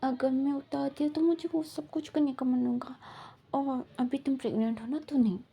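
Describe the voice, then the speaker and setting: A woman voicing a gentle, protective young husband who speaks softly and coaxingly in a retold fan story. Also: high-pitched, fairly even intonation, normal speed, vocal fry.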